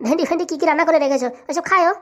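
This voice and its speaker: A voice actor as a scornful cartoon son, very high voice, rapid-fire complaints. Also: a bit bright. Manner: scolding, complaining. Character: arrogant grown son, rude to his parents. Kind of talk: cartoon voice acting.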